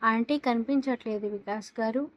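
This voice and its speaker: Scared teary young woman, woman reading her, high-ish voice. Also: moderate pace, no echo, lightly acted. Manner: fearful, tearful. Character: frightened young woman, tearful.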